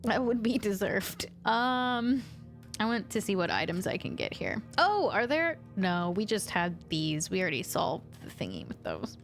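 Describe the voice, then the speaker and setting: A woman streamer giving casual commentary as she plays a game, talking to her chat with quick jumps in pitch. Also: faint music behind. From rural United States. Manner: animated, talks to chat, quick swings up in pitch.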